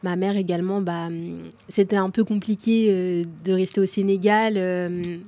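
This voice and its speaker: A young woman speaking calmly in a casual group discussion. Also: medium pitch, normal speed.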